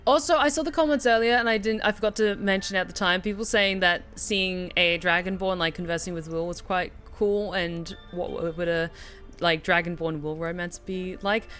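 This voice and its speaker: A chatty, expressive woman giving casual live commentary as she plays a game. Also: fairly low pitch, normal speed. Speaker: game streamer and author. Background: game music.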